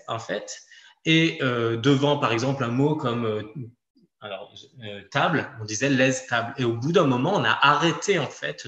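A man with a French accent teaches a phonetics workshop, explaining patiently and restarting his sentences often. His voice sits at an ordinary middle pitch. The sound carries a noticeable room echo. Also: a bit bright. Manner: explanatory, many hesitations and restarts. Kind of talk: online workshop lecture.

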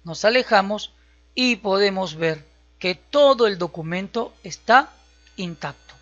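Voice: mid-range voice, expressive, unhurried, a bit bright. Instructor, dull lo-fi audio. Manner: step-by-step, checks in with listeners. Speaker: computer skills instructor. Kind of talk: screen-recorded software tutorial. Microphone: voice-over on a screen recording.

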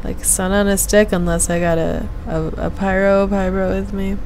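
A woman's voice: mid-range voice, level tone, normal speed, darkish tone, a little hiss or hum. A young woman chatting casually on a game stream in a hesitant, meandering way, half muttering to herself into a headset mic. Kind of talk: casual rambling stream chat. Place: small room at home, indoors. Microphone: gaming headset mic.

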